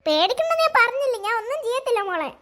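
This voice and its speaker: A squeaky, piercing cartoon voice of a bossy magic doll girl, as a performer puts her on. She talks curtly and scolds. The tone is bright and sharp. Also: big pitch swings, rapid-fire, heavily acted. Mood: soothing. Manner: scolding, curt. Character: magic Barbie doll girl grown big, bossy and snappish. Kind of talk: cartoon voice acting.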